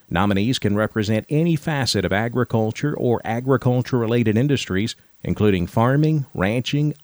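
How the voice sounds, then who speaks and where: An American man anchoring radio news, reading scripted headlines in a formal, measured announcing manner. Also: on the low side, darkish tone, dry recording.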